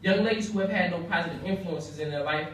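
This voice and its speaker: A man's voice: on the high side, fast talker, fairly bright tone. Echoey, earnest American man giving a speech. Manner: earnest, emphatic, with rhetorical repetition. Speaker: speaker at a banquet. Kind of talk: prepared persuasive speech. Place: indoor banquet room, heard from far off. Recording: very echoey room, distant mic, faint noise.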